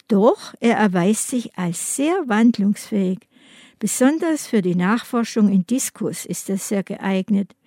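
A woman narrating a crime audiobook in a calm, measured reading style on a close studio mic. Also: mid-range voice, no room sound. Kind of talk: scripted narration.

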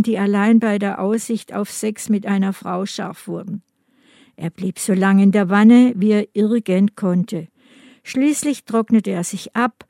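A woman narrating a crime audiobook in a calm, measured reading style on a close studio mic. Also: medium pitch, dry recording. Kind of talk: scripted narration.

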